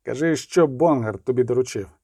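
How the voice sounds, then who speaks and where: A man voicing a cold, menacing male interrogator who speaks slowly and curtly. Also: medium pitch, mellow, breathy edge, no echo, clean studio sound. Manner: slow, curt, threatening.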